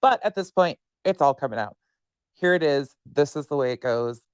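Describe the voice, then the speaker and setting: Brief: woman under a voice-changer effect, smooth and dry, blunt exasperated commentary creator. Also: low voice, expressive, moderate pace, no room sound. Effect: voice changer disguising her voice. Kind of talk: reaction commentary.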